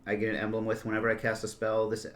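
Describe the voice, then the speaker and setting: A man with a fairly low voice talks through a card game one play at a time, counting and naming each move. He sounds unhurried and deliberate. The recording carries a noticeable room echo and a clear layer of background noise. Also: monotone. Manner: methodical, announces each play aloud. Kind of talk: casual game-night chat.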